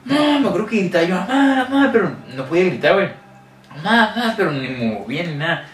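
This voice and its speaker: A young man with a Mexican accent telling a scary story in casual chat and acting out shouts and sound effects. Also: on the high side, very animated, very fast. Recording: echoey room, mic at a distance, faint noise.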